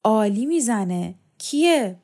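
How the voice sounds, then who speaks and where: A woman's voice: a little high, very animated, warm tone. A woman voicing a dreamy, romantic young man who talks in an effusive, rhapsodic way in a storybook reading.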